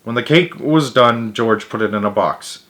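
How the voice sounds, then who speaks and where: This is a man with a mid-range voice reading a story at normal speed. He gives it an expressive reading with emphatic dialogue and throws in muttered personal asides.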